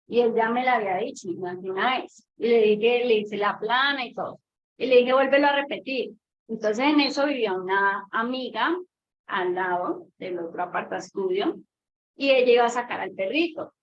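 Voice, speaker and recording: A woman's voice: fairly high pitch, normal speed. Hesitant mother telling a story. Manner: hesitant, many fillers, acts out voices in her story. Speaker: mother asking a question. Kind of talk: casual storytelling. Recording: dull lo-fi audio with faint noise.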